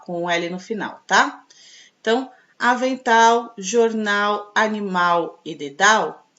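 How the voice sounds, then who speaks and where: A woman teacher giving an online grammar lesson, explaining slowly and checking in with her students often. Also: mid-range voice, fairly bright tone, highs cut off. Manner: slow, clear teacher talk with frequent checks like "tá?".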